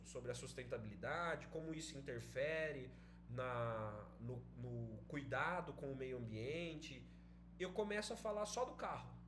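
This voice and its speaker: Brazilian man teaching an online writing class, high animated voice, chatty explanations, echoey room with faint noise. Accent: Brazilian Portuguese. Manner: explanatory, chatty, checks in with students.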